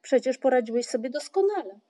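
A woman doing a calm clever young wanderer. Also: high voice, brisk, pitched above the performer's own voice. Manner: patient, reassuring, explaining.

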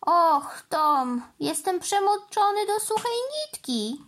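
A woman's voice: sits high, expressive, measured pace, noisy background, pitched above the performer's own voice. A woman reading a storybook, voicing a mischievous young village boy in a whiny, complaining way.

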